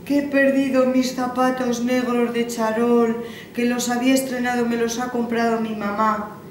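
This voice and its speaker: A woman voicing a spoiled, tearful little girl, raising her pitch and chanting slowly, in a roomy recording taken from a distance. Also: level tone, slight background noise, lightly acted. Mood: pleading. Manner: sing-song chanting when singing from the sack.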